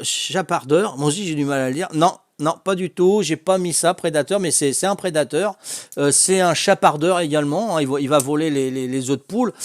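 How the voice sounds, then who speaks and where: A talkative quiz host with a Corsican French accent keeps a casual family game going, often laughing as he works through the answers. His voice sits a touch high for a man. There's barely any room echo; the sound is close and dry.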